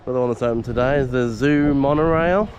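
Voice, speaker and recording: Male vlogger, mid-pitched, casual and appreciative running commentary, recorded outside with clear background noise. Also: quick pace, dull audio. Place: outdoors at a theme park zoo. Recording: noisy outdoor recording with vehicle sounds. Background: loud outdoor ambience.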